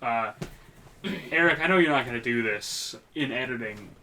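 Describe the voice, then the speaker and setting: Bright-voiced man rambling through a recap. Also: medium pitch, lively intonation, normal speed. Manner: rambling, profane film recap. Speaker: podcast co-host. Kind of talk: casual comedy podcast chat.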